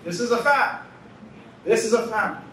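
With a very high, pushed and bright voice, a Toronto man gives an earnest conference lecture at a podium, a little slowly, repeating his key lines. He's in a large indoor banquet hall, and the podium mic picks him up from afar, so there's echo and a little hiss or hum.

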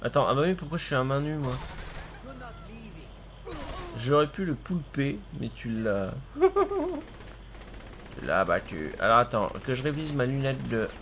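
A man's voice: mid-range voice, lively intonation, unhurried, pauses often, fairly bright tone, slight background noise. A man streaming a video game with his cousin, chatting casually, exclaiming at the action and laughing often. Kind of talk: casual gaming commentary.

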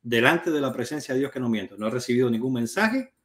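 A man's voice: medium pitch, expressive, fast, fairly bright tone, reverberant. Earnest man in his fifties debating. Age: 50s. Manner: earnest, insistent on clearing his name. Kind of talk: online debate.

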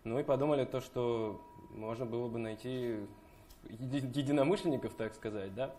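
A man's voice: medium pitch, normal speed, dark tone, a little hiss or hum. A young man from a study circle, explaining its origins in a panel discussion with frequent filler phrases. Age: young adult. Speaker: member of a student study circle. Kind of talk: casual answers in a panel discussion.

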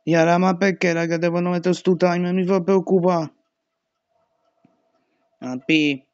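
A man's voice: sits high, steady tone, unhurried, clear, resonant tone, no room sound, lo-fi sound. A young man commentating a horror game, panicking and swearing at every scare. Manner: panicky, swearing and shouting at jumpscares. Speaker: gaming youtuber.

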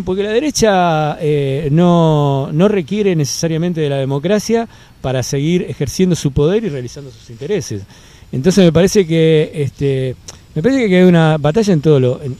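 A man with a Rioplatense Argentine accent talks in an outdoor park, his voice a touch high yet warm and soft-edged. He speaks in a measured way, restarting and filling gaps, then presses his points in firm series. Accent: Rioplatense Spanish. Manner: measured, many fillers and restarts, emphatic lists. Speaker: interviewee. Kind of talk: political interview answer. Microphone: handheld mic held by interviewer.

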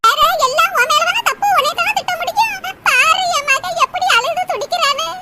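An actor voicing a sharp-tongued older village mother who scolds her daughter-in-law, in a cartoon. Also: exaggerated voice. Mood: scolding. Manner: shrill, nagging, quick scolding. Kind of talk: cartoon voice acting. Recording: loud background noise.

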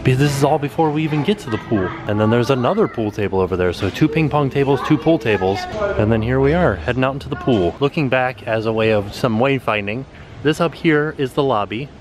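Over music, a vlogger in his thirties speaks briskly and expressively in a mid-range voice, holding a camera at arm's length. He gives an upbeat, casual tour through hotel halls and around the outdoor pools, pointing out what he sees.

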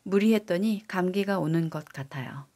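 A fairly low-pitched female text-to-speech voice races through repeated sentences meant as language-lesson drills. Despite the speed, the reading remains even and careful.

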